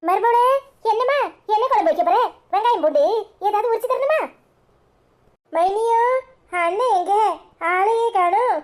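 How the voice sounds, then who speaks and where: Woman doing a fawning sister-in-law, cartoon, Tirunelveli Tamil, sugary high voice. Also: unhurried, long pauses. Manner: sweet, ingratiating. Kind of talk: cartoon voice acting.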